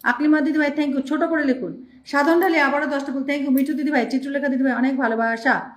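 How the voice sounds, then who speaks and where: A woman's voice: sits high, steady tone, brisk, reverberant. A woman hosting a live stream, reading out viewer names and thanking them one after another in speech.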